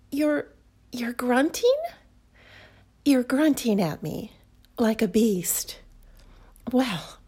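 A woman's voice: fairly high pitch, a little mellow, slightly rough, full character voice. A young woman acting a proper, easily flustered young time traveler in an audio roleplay, speaking breathily and often dropping to a whisper. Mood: indignant. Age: young adult.

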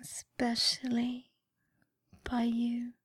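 Sultry, slow whispering woman as a seductive dream lover. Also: on the high side, completely flat delivery, a bit bright, no echo, studio quality, full character voice. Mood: seductive, adoring. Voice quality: breathy, whispery. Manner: sultry, slow, intimate narration. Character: seductive, adoring dream woman guiding a hypnotic fantasy. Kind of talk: whispered role-play.

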